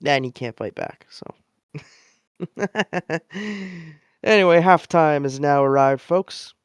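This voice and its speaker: A man's voice: fairly high pitch, takes it slowly, clean tone, dry recording. A young man giving casual, rambling commentary on a simulated soccer match, with chatty self-deprecating asides.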